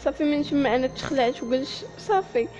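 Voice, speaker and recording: A young woman with a Moroccan accent telling her own sad life story, halting and often near tears. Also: sits high, lively intonation, darkish tone, muffled recording, faint music behind. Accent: Moroccan Arabic. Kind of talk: personal story told to listeners.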